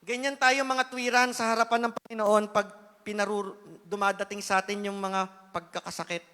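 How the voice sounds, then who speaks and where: A man giving an earnest, emotional sermon testimony, swinging between loud pleading and hushed asides. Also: high-pitched, little pitch movement, fairly quick, smooth. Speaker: church speaker giving testimony. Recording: reverberant church hall.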